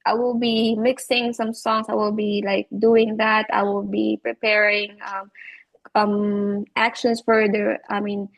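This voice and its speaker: A Filipino teacher, appearing as an interview guest, chats casually on a video call, rambling and repeating herself with lots of "like" and "you know." Her mid-range voice is flat and creaky at a measured pace, and the recording is rough.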